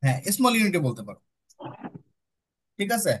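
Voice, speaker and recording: Young man tutoring, bright and clear, keeps asking students if they follow, bangladeshi accent. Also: sits high, very animated, brisk. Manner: explains step by step, checks in with students often. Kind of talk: classroom lecture with student questions.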